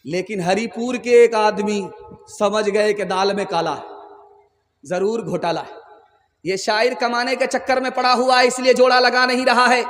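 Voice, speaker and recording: High-pitched slow preacher in echoing hall. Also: male voice, a bit bright. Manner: storytelling with dramatic quotes and sung verse. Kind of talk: Islamic sermon with storytelling. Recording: long hall reverb.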